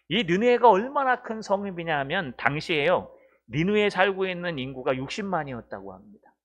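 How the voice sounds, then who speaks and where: A man preaching a sermon in a church, animated and full of rhetorical questions to the congregation. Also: sits high. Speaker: pastor. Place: church sanctuary. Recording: dull lo-fi church recording.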